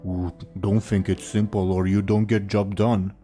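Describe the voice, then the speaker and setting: A man voicing a big, dim, childlike ogre for a tabletop game, in dopey, halting broken speech. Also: lowish voice, level tone, dark tone, soft background music, close to an everyday voice. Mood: dim, insistent. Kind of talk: in-character tabletop role-play.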